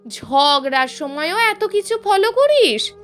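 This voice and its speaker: A woman's voice: extremely high pitch, very animated, takes it slowly, fairly bright tone, faint music behind, pitched above the performer's own voice, exaggerated voice. A woman voicing a chatty, teasing young female classmate.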